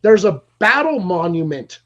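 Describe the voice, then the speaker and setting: Host, male, 40s, loose rambling storyteller, slightly high voice, dull lo-fi recording. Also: big pitch swings, a little slow. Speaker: podcast host. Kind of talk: casual interview chat. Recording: dull lo-fi audio.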